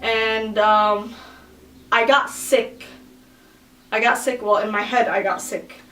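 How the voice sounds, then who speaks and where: A woman's voice: on the high side, steady tone, slow, sharp tone. A woman vlogger telling a personal story in a chatty, casual way, full of fillers, now and then shrieking out quoted voices. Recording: echoey room, voice from a distance.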